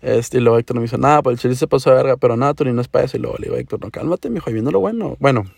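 Creaky young northern Mexican man, slangy Chicano-style storyteller. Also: mid-range voice, rapid-fire, darkish tone, no echo. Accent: northern Mexican border. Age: young adult. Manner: slangy, profane, with Chicano-style English words mixed in; acts out dialogue. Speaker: podcast host. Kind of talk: casual storytelling podcast.

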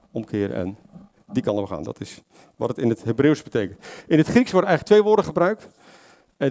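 A man's voice: mid-range voice, darkish tone. A man preaching an informal sermon, conversational, with many fillers and self-corrections and questions to the congregation. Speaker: lay preacher.

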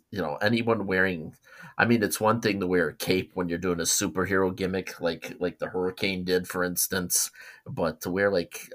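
A man co-hosting a casual podcast, talking in a halting way full of fillers and restarts, with blunt opinions. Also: deep voice, a bit bright. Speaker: podcast co-host.

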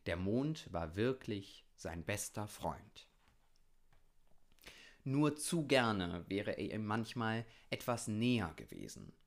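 A man reading a children's bedtime story aloud in a calm, gentle storytelling manner. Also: lowish voice.

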